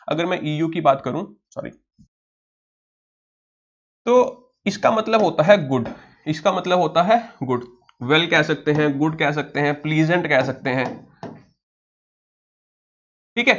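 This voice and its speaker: A man with an Indian accent gives an online exam-prep vocabulary lesson in a high voice. He keeps posing questions to himself and answering them, and spells words slowly letter by letter. The recording sounds dull and lo-fi.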